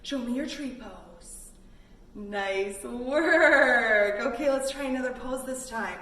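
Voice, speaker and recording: Speaking slowly in a slightly high voice with a sharp edge, a woman from Canada reads aloud to kids from a picture book and guides their yoga with gentle, upbeat prompts. Captured in a room from a distance, the audio carries echo and background noise.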